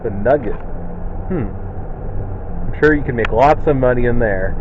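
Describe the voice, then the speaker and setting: A man's voice: medium pitch, moderate pace. A man from Europe on a solo trip, joking wryly and laughing as he chats on a van tour, captured on old camcorder tape. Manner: wry, joking, laughs often. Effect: old camcorder tape recording. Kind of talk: casual chat with a tour guide. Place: inside a moving van. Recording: lo-fi camcorder tape with loud vehicle noise.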